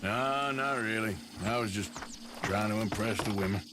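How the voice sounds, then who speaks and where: An actor with an American accent playing a gruff, sardonic but soft-hearted cowboy outlaw in a video game, with a dry drawl. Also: male voice, lowish voice, normal speed, very noisy, natural voice. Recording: loud outdoor ambience, horse hoofbeats.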